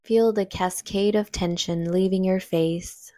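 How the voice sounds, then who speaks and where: A woman with a mid-range voice and steady tone leads a guided meditation without echo. She delivers gentle, unhurried instructions with long pauses between phrases.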